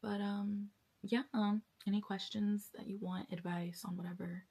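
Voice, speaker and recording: Tired young woman with a gravelly voice. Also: mid-range voice, little pitch movement. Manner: chatty, drawn-out and weary, drifting into soft whispers. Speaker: vlogger and actress. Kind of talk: candid casual confessional vlog.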